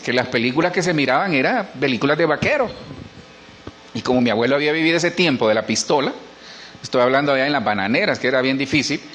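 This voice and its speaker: A man's voice: a little high, fairly bright tone. A middle-aged man, a pastor preaching a sermon in church and asking the congregation questions. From Honduras.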